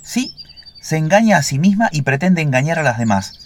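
A man voicing a vain, suspicious older male lapwing bird with a shrill, screeching voice in a storybook fable. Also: big pitch swings, fairly quick, slight background noise. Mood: lecturing.

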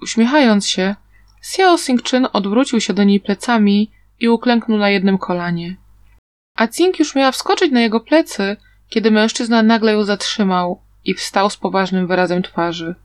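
A woman narrating a story aloud in an even, steady reading manner. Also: mid-range voice, moderate pace, no room sound. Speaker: audiobook narrator.

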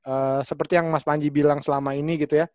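A man, a stand-up comedian, thinking aloud in casual panel talk with many pauses and restarts. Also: on the high side, flat delivery, a little mellow, no echo.

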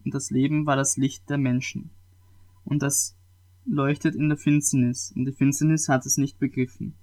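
A man reading scripture aloud at a measured pace, with occasional small restarts. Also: fairly high pitch.

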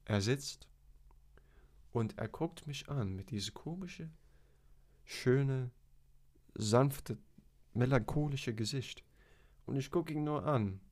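A teenage boy chatting as a podcast guest, rambling through a story with many halting fillers. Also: medium pitch, a little mellow. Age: teens. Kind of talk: casual chat.

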